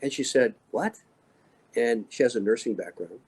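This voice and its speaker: A man's voice: medium pitch, animated, moderate pace, a little mellow, husky, low-quality recording. A man in his sixties, an extreme athlete and interview guest, telling motivational stories in short, punchy, emphatic statements. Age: 60s. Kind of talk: motivational storytelling.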